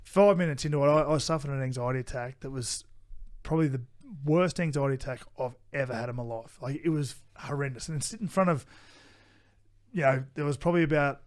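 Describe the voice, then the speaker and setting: A man's voice: medium pitch, a little fast. A middle-aged Australian man co-hosting a podcast, chatting casually and bluntly, swearing often and restarting his sentences. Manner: blunt, swears freely, repeats himself. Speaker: podcast co-host. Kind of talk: casual chat.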